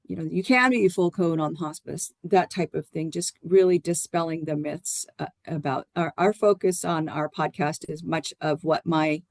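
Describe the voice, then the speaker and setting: A woman's voice: sits low, no echo, clean studio sound. A woman giving earnest, explanatory answers as a guest in a conversational interview. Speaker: podcast guest, hospice nurse and educator.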